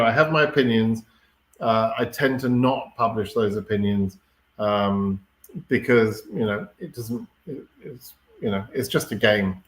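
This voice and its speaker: A man hosting a live question-and-answer stream, explaining things in a relaxed way and often checking in with "right?" and fillers. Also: mid-range voice, reverberant. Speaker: host answering viewer questions. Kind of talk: live Q&A chat.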